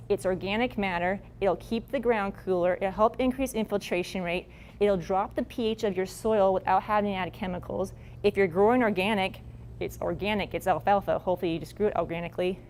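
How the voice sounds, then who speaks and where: A woman's voice: mid-range voice, fairly quick, darkish tone, a little hiss or hum. A woman presenting farming advice at a workshop in a casual, blunt, folksy way. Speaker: agricultural presenter.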